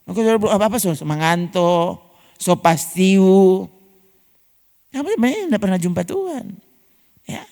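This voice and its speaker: A man with a high voice and a Manado Malay accent preaches a sermon. He is an animated storyteller who keeps calling out to the congregation. His voice rings with a long echo from the church hall. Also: moderate pace, creaky, pauses often. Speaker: pastor.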